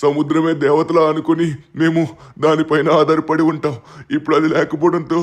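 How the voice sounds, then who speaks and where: A man's voice: fairly high pitch, completely flat delivery, a little fast, close to an everyday voice. A man voicing a desperate older fisherman in a fan-dubbed game story, lamenting and pleading. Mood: despairing. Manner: lamenting, pleading, addresses the host as son.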